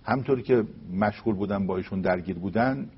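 A man giving a religious talk, telling a story and reciting verses slowly and deliberately. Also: on the low side, husky, muffled recording. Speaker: religious speaker.

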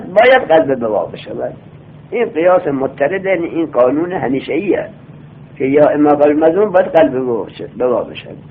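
A man with a somewhat high voice teaches a class from a grammar text. He reads each line slowly, then explains it and puts questions to his students. The sound is thin and narrow, like a phone line.

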